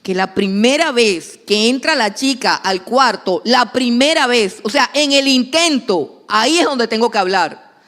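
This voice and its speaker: A woman's voice: fairly high pitch, expressive, a little slow, a bit bright, long reverb tail. A woman pastor, preaching a sermon emphatically and repeating key phrases for stress.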